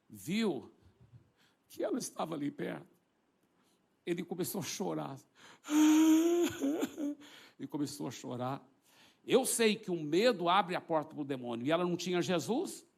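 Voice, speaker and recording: A middle-aged male pastor preaching to his church, with a fairly high voice. He tells his testimony in a dramatic way, acting out each moment. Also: creaky. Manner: dramatic storytelling, acting out the scene. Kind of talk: sermon testimony. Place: church before a congregation.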